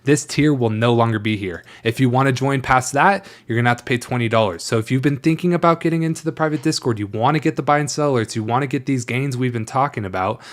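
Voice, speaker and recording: A man co-hosting a livestream, chatting casually and pitching offers to viewers. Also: fast talker, few pauses. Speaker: livestream co-host.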